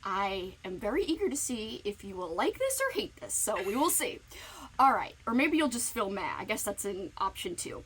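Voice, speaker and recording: A woman's voice: medium pitch, very animated, moderate pace, fairly bright tone, slight background noise, low-quality recording. A woman booktuber giving playful, giggly book recommendations in a casual recorded message.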